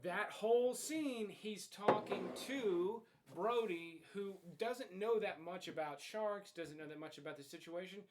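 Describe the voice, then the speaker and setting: A man's voice: high voice, a little slow, hardly any pauses, noisy background. A man hosting a casual movie review, talking bluntly and swearing freely as he comments on the film. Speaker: host of a movie review show.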